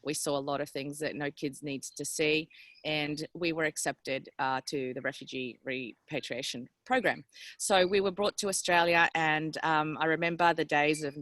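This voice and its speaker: Speaking over a headset on a video call from a public venue, a guest speaker in her forties from El Salvador tells her personal story in a candid, chatty, self-deprecating manner. Her deep voice is steady, a bit bright and moderately paced, with no echo.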